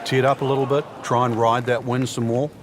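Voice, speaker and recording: A man's voice: medium pitch, flat delivery, quick pace, background noise, close to an everyday voice. A man giving golf commentary as the analyst, explaining strategy and conditions in an advisory way.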